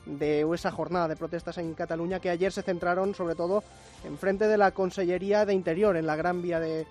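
A man, giving a clear, factual news briefing on a radio show. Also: high-pitched, fairly even intonation, fairly quick, darkish tone, faint music behind. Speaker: news desk reporter. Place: radio studio.

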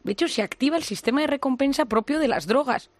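A woman talks it through as a psychologist, her voice sitting fairly high. She leans on everyday examples and acts out short quotes. The sound is dry and close, with no room around it. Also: expressive, fast, dry recording. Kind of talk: radio-style conversation.

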